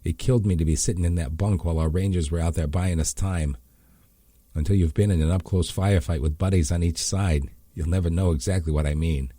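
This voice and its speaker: A blunt, gruff older sergeant major speaks in a low, dark voice, read by a male narrator. He sounds grudging and plain-spoken, with a husky grain. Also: steady tone, fairly quick, dry recording.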